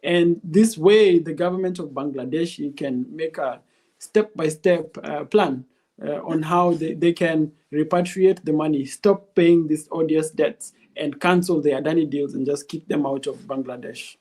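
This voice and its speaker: Interview guest, male, Kenyan accent, fairly high voice, methodical explainer who restates key phrases. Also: a little slow, a little mellow. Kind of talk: interview answers explaining legal arguments.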